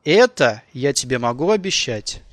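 A man's voice: mid-range voice, big pitch swings, moderate pace, a bit bright, dry recording, clean studio sound. A man voicing a grown woman who coaxes and teases a shy young man in an audiobook. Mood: coaxing. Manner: coaxing, smooth. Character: alluring grown woman, coaxing and playful.

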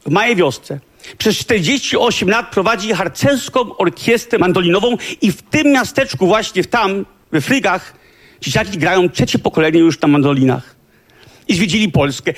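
A man speaking onstage at a concert in an informal, chatty way, with a slightly husky voice. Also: high-pitched. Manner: informal, chatty, warm toward colleagues. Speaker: musician hosting a concert. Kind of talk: onstage concert talk to the audience. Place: concert stage before an audience.

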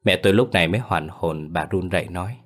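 A man narrating a ghost story in a somber, measured way. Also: deep voice, fairly bright tone.

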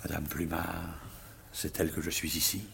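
An actor playing a flustered, stammering middle-aged provincial rhetoric teacher in a 1950s stage comedy. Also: male voice, a bass voice, completely flat delivery, moderate pace, vocal fry, fairly bright tone, slight background noise, full character voice. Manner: stammering, fussy, rambling.

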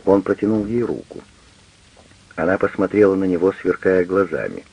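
A man doing expressive scripted narration of an audiobook. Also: low-pitched, moderate pace, creaky, slightly rough, muffled recording. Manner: expressive reading.

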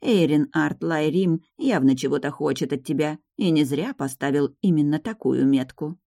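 A woman reading the part of a stern old grandmother who is a powerful high witch, speaking slowly and with command. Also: vocal fry, mellow, no echo, clean studio sound. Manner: slow, measured, commanding.

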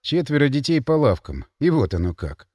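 A man's voice: mid-range voice, big pitch swings, moderate pace, darkish tone, no room sound, studio quality. A man narrating an audiobook in the first person, in a wry, matter-of-fact manner.

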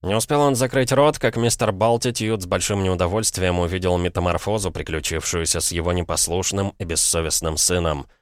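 A man narrating an audiobook in an even, measured way. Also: low-pitched, dry recording, studio quality. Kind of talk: scripted narration.

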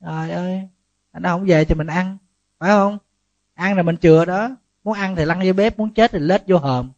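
A man, a Buddhist monk giving a lively, humorous sermon full of rhetorical questions. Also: sits high, normal speed, dry recording, dull audio.

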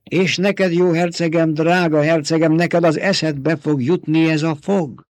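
A man's voice: fairly high pitch, steady tone, a little mellow, no room sound, pitched above the performer's own voice, natural voice. A feverish old doctor, put on by a male audiobook reader, speaks in a raised, strained voice, close and coaxing as he confides his treachery. The recording is dry and close to the mic. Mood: urgent, coaxing. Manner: intimate, coaxing, feverish intensity. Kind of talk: audiobook character reading.

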